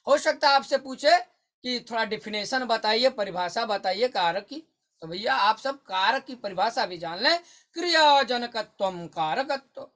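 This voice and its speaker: A man teaching an online exam-prep lesson, repeating key points to his listeners and slowly chanting verses in a sing-song way. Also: extremely high pitch, sharp tone. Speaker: Sanskrit teacher.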